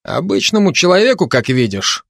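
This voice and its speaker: A man's voice: high voice, sing-song, normal speed, gravelly, a bit bright, no room sound, voice pushed up, exaggerated voice. A man doing a sardonic grumbling constable. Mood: wry, grumbling. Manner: dry, sardonic, chatty banter with a cat.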